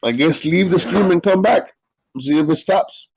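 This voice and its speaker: A man's voice: sits high, normal speed, creaky, breathy edge. A man co-hosting a live sports talk stream. He chats casually and jokes sarcastically while he talks to the viewers in the chat. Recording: dull lo-fi stream audio.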